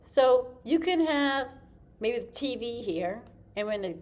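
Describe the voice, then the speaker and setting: A woman's voice: a little high, lively intonation, takes it slowly, darkish tone. A woman giving a casual acting lesson to camera, chatty and loose, often restarting her sentences as she demonstrates. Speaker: acting teacher.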